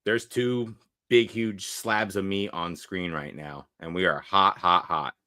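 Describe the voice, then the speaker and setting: A man's voice: low-pitched, steady tone, unhurried, sharp tone, no echo. A young man co-hosting a casual livestream podcast, joking around and greeting viewers in the chat. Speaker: podcast co-host.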